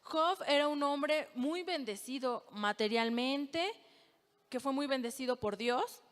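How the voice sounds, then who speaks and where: A woman preacher giving an earnest, emphatic sermon, reading scripture aloud and pausing often. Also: sits high, animated. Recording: long reverb of a large hall.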